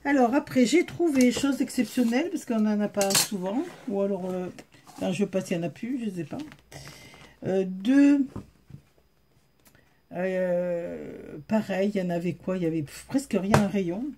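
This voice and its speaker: A woman's voice: mid-range voice, measured pace, warm tone, slight background noise. Chatty woman with a Southern French accent. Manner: chatty, filler-heavy, addresses viewers directly. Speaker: haul vlogger. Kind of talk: casual show-and-tell chat.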